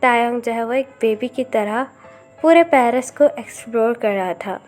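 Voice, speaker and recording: A woman narrating a fan story aloud in steady storytelling. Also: fairly high pitch, moderate pace, faint music behind.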